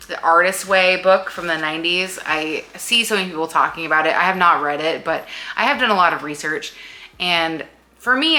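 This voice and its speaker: A woman's voice: fairly low pitch, pushed and bright, a little hiss or hum. A woman in her late thirties, chatting casually at home as a vlogger, rambling with many fillers. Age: late 30s. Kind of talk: casual chat.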